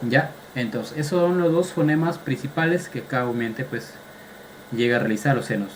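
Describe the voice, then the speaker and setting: A man's voice: mid-range voice, normal speed, a little hiss or hum, rough recording. A man lecturing medical students on anatomy, firing repeated quiz questions and mixing casual slang into technical explanations. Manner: drills students with repeated questions, quizzing them; sprinkles casual slang among technical terms.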